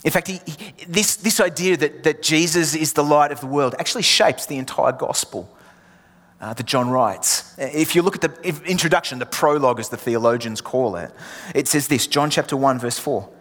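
A pastor born in England but with an Australian accent preaches a sermon, with a long hall reverb around him. His slightly high, fairly bright voice moves at a moderate pace, delivering emphatic repeated refrains that sometimes drop to a near whisper.

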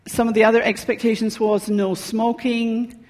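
A woman's voice: on the high side, flat delivery, moderate pace, darkish tone. A woman from Scotland with a Scottish accent, preaching a sermon in a chatty, personal manner with frequent ums. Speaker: pastor. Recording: long reverb of a large hall.

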